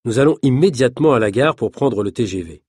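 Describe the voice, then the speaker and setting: A man narrating an easy-reader story aloud in a measured, clearly articulated manner. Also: medium pitch, lively intonation, darkish tone, no room sound, clean studio sound. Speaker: audiobook narrator. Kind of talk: reading an easy French story.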